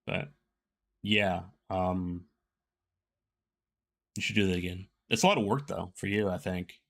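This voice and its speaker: A man hosting a casual interview, speaking informally and haltingly as he thinks aloud. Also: low-pitched, fairly even intonation, vocal fry, a bit bright. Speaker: interviewer, host.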